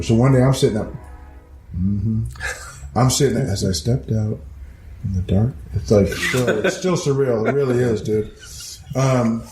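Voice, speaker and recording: A man telling a story in casual conversation, animated and profane, acting out other people's voices as he goes. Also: fairly low pitch, slight background noise. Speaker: guest storyteller. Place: house interior. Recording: echoey room, faint ambience.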